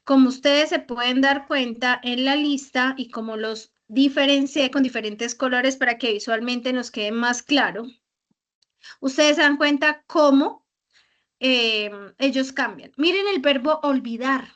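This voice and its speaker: High-voiced woman teaching English grammar. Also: fairly bright tone. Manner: patient, explains slowly with repeated examples. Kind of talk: online grammar lesson. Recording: slightly dull lo-fi audio.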